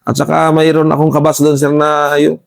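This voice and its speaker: A man with a Filipino accent, a soldier recounting a firefight to an interviewer, halting, restarting often and politely addressing his listener as sir. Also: fairly high pitch, completely flat delivery, creaky. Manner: deferential, says "sir" constantly, halting with many restarts. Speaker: soldier telling his combat story. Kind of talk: recounting a war story in an interview.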